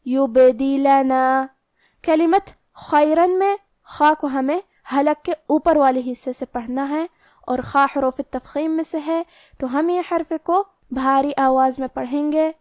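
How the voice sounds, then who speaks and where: A woman teaching Quran recitation, explaining pronunciation rules in a measured, step-by-step way. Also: high-pitched, a little mellow, dry recording, studio quality. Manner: measured, step-by-step instructional delivery.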